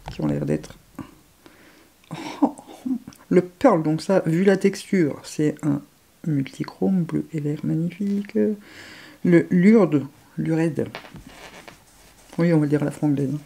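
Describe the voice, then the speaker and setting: A woman gushing over makeup swatches, excitable, often dropping to hushed murmurs. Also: lowish voice, slow, creaky, pauses often. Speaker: beauty vlogger.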